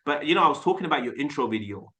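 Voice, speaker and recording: A man's voice: on the high side, lively intonation, racing, bright, forceful tone. A man with an English accent coaching viewers on a casual livestream, rambling and chatty and drifting off on tangents. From England. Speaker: sales coach.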